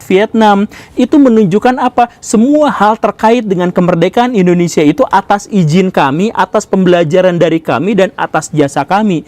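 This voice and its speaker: A boastful, indignant Japanese man, put on by a male storyteller, lectures and scolds in a fairly high, dry voice. He piles up rhetorical questions and speaks with argumentative certainty. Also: darkish tone, dry recording.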